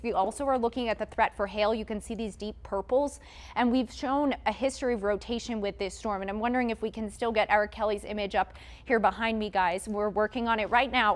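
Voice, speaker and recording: A woman TV meteorologist talks viewers through a live severe storm warning. She explains the radar clearly and urgently and gives shelter instructions. Her voice sits a little high. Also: fairly quick. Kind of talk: live breaking weather coverage.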